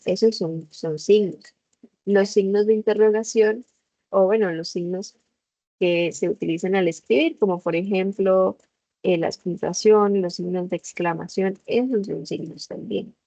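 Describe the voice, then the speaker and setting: A woman teaching a lesson over a video call, explaining slowly and putting questions to the class. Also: mid-range voice, steady tone, gravelly, mellow, no room sound. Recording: slightly dull video call audio.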